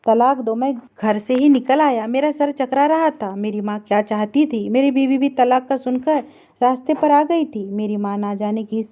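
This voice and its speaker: A woman reading an emotional story aloud in a steady, earnest narration. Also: high voice, moderate pace. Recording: dull lo-fi recording.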